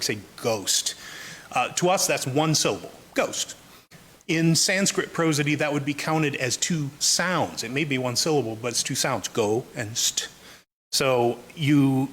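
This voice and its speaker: Male church speaker, average pitch, measured and explanatory, slight hiss on the recording. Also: fairly bright tone. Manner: measured, explanatory, recites word lists slowly. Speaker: guest speaker at a church service. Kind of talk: sermon-style lecture.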